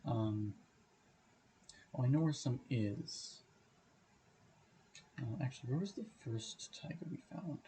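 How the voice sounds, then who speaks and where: A slightly hoarse man streaming a game, thinking aloud and correcting himself as he goes. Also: medium pitch, lively intonation, slow pace, long pauses, mellow, slight background noise, low-quality recording. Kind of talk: livestream gameplay commentary. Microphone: desk mic on a stand.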